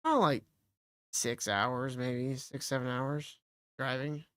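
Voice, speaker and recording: A woman's voice: extremely low pitch, fairly even intonation, slow. A woman co-hosting a comedy podcast, joking in crude, casual banter and swearing freely. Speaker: podcast co-host.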